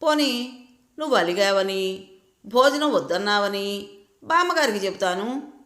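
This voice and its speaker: A woman's voice: medium pitch, animated, unhurried, a bit bright, roomy sound. A woman voicing a teasing young wife. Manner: teasing, mischievous.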